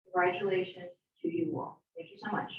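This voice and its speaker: A woman's voice: fairly low pitch, fairly even intonation, fairly quick, recorded from a distance. Woman, school intercom announcement, echoey speaker, dull muffled sound. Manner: reads out a list of names. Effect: school intercom loudspeaker. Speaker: school staff making announcements.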